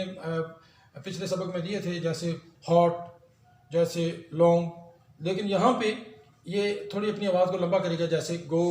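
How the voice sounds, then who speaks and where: Slow, drawn-out male teacher. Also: high-pitched. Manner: explains slowly, drawing out and repeating example words. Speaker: English phonetics teacher. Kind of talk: recorded phonics lesson. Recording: echoey room, faint hum.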